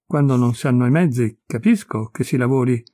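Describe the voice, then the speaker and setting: A man voicing a listless, resigned idler of thirty-three who looks old, speaking in a flat, unhurried way. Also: medium pitch, no echo, clean studio sound, close to an everyday voice. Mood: indifferent.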